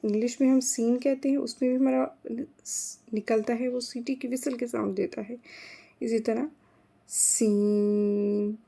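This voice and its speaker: A woman teaching Arabic letter names in a patient, slow phonics lesson, repeating each letter and mixing in English words. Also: a little high, vocal fry, mellow, slightly rough. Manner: mixes English words into explanation.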